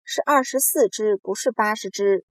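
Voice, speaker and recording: A woman voicing a grumpy, indignant male earthworm in a storybook reading, complaining in a shrill voice. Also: lively intonation, moderate pace, darkish tone, slightly rough, no echo.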